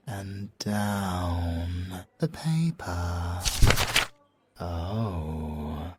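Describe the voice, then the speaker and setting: A warm, lowish male voice with a British accent, recorded without echo and heavily acted. For an ASMR audio roleplay he portrays a flirtatious, suave, possessive ex-special-forces bomb expert, teasing theatrically with drawn-out words and whispered asides, playful and intrigued in mood.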